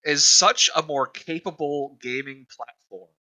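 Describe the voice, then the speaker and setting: A man's voice: fairly high pitch, unhurried, bright, forceful tone, poor audio. A man co-hosting a casual podcast, giving opinions in a wry, argumentative way. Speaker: podcast co-host.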